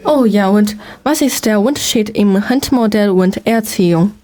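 A woman's voice: medium pitch, normal speed, dark tone. Young woman co-host, short prompting questions. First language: Chinese.

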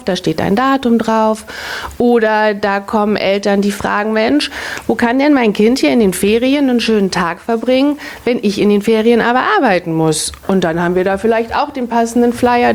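A woman in her thirties who works at a city family office patiently answers children's questions in simple words. Her voice is medium-pitched and a little mellow, and she often repeats each question back first.

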